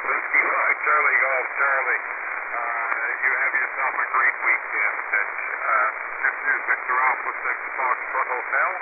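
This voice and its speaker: A man's voice: mid-range voice, fairly even intonation, a little slow. A man chatting casually on an amateur radio net, his voice coming in over a fading shortwave signal, hesitant with many fillers. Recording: noisy narrowband radio reception.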